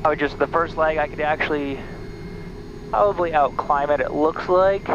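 A man's voice: a little high, normal speed. A man in his thirties, a bush pilot in a small plane cockpit, talking through his checklists step by step on a headset and making radio calls. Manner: methodical, running through checklists aloud. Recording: muffled headset audio over engine noise.

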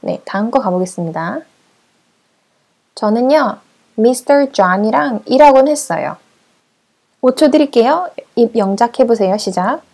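A woman English teacher with a fairly high but mellow, warm voice. She gives short drill prompts and countdowns. She repeats each model sentence slowly and clearly. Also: lively intonation. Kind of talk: language lesson with drills.

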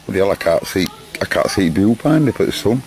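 A man's voice: low-pitched, lively intonation, a little fast, a little mellow. A man chatting and laughing to the camera as he films outdoors, heard through old camcorder audio. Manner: chatty, laughs between remarks. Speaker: home video maker. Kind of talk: rambling casual chat to camera. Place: outdoors in a garden on a sunny day. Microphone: built-in camcorder mic.

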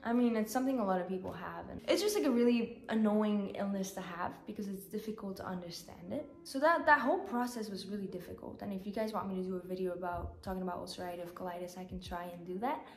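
A woman's voice: medium pitch, fast, hardly any pauses, faint music behind. Stuffy-nosed young woman vlogging in an echoey room. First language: not native English speaker. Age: young adult. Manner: candid, informal, swearing. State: sick with a blocked nose, slightly shaky voice. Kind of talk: casual personal vlog chat. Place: small bare bedroom, indoors, sitting on a bed.

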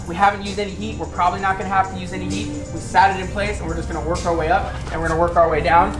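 A man explaining vinyl wrap work step by step in a large indoor car shop, talking practically to the camera. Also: sits high. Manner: quick, practical, instructive.

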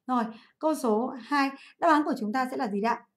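A woman from Vietnam teaches an exam review lesson over a livestream, and her voice sits a little higher than most women's. She keeps asking the class questions and answering them herself. She repeats the practice words slowly so the students can follow. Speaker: English teacher.

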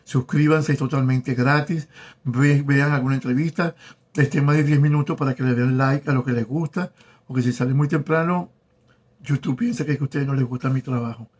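A former telenovela actor in his 40s, originally from Venezuela, hosts a live stream from his South Florida home. With a steady, husky, mid-pitched voice, he warmly and flirtatiously works through the chat, haltingly reading out viewer names and comments.

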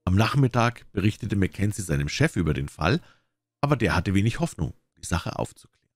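A man reading a classic detective story aloud in an expressive storytelling manner. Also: fairly low pitch, a little fast, dry recording, studio quality. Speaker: audiobook reader.

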